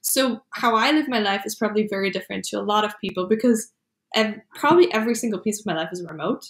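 A woman's voice: mid-range voice, quick pace, a bit bright. A young woman from Germany chats as a guest on a home podcast, enthusiastic and eager to explain. Her mid-range voice carries a roomy echo from the living room around her. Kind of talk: casual video podcast conversation.

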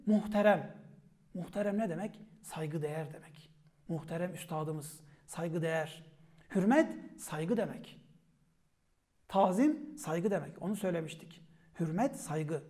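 High-voiced man teaching word roots. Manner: calls out each word sharply, then explains it in a quieter, falling voice. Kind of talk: vocabulary lesson on Ottoman Turkish word roots.

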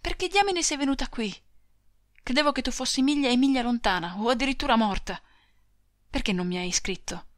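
A woman's voice: sits high, no echo, studio quality, voice pushed up, natural voice. A woman reading the part of a brusque young male soldier in an audiobook, speaking curtly and commandingly. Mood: hurried. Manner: curt, commanding, hurried.

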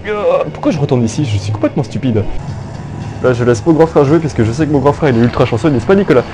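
A man's voice: medium pitch, expressive, quick pace, music in the background. A young man giving casual, jokey gameplay commentary through an old phone headset, rambling with many fillers and restarts. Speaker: gaming YouTuber.

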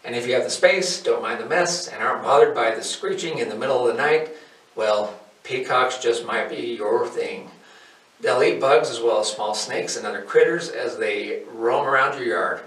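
Man in his forties, farm channel host, steady scripted narration, roomy sound, mic set back. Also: medium pitch, normal speed. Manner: steady, informative, reads from a script. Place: indoors, in front of a wooden wall. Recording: roomy, somewhat distant mic.

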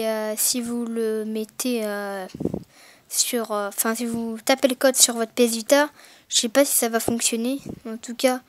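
A woman's voice: on the high side, slight background noise. A woman recording a casual unboxing narration through a gaming headset mic, talking hesitantly with many fillers and self-corrections. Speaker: gaming video maker.

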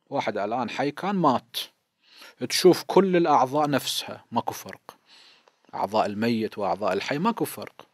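A man's voice: mid-range voice, dry recording, studio quality. A man in his fifties with an Iraqi Arabic accent, a cleric giving a seminary lesson on hadith, explaining patiently and posing questions he then answers himself. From Iraq. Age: 50s.

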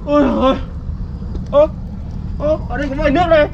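A man in a slapstick comedy skit, shouting and groaning in an exaggerated way outdoors. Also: extremely high pitch, steady tone, fast talker, creaky, lo-fi sound, heavy background noise. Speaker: prankster friend in comedy skit.

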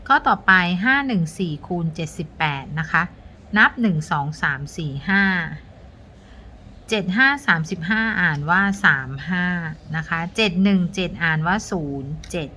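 Lady teacher counting thru math problems slowly, lowish voice but bright and crisp, faint hiss behind. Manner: patient, counting aloud, frequent polite particles. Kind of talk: step-by-step math lesson.

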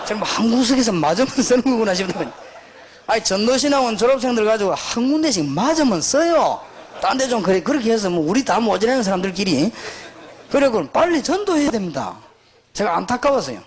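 A middle-aged man, a pastor, preaching a sermon in an emphatic, exhorting manner, with animated storytelling. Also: sits high, fairly quick.

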